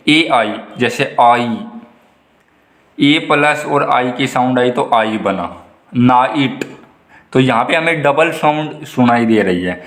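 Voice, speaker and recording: A young man tutoring, patiently explaining a lesson on screen and repeating examples slowly. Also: medium pitch, a bit bright. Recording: echoey room.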